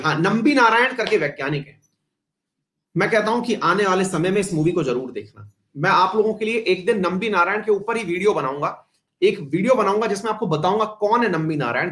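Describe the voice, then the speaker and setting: A man teaching a live online history class, chatty and often addressing his students warmly, mixing English terms into his talk. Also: sits high. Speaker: exam-prep teacher.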